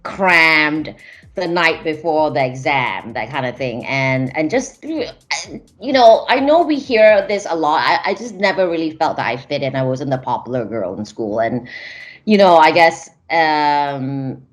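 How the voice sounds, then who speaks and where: A woman's voice: low-pitched, lively intonation, a little slow. A woman from Malaysia, a music manager, talking reflectively in a casual interview, with frequent restarts and fillers over a video call.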